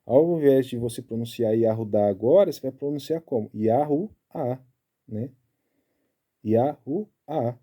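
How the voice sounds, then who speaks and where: A man giving a casual Bible study, explaining step by step and tagging his sentences with quick checks to the listener. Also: mid-range voice, warm tone. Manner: chatty, keeps tagging lines with "né?"; explaining Hebrew letters and pronunciation step by step.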